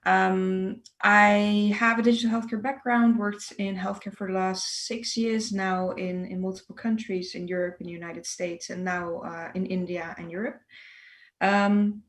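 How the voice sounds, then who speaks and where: A woman's voice: medium pitch, fairly even intonation, unhurried. A young woman from the Netherlands, introducing herself eagerly on an online panel, with many filler sounds. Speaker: panelist, healthcare startup manager.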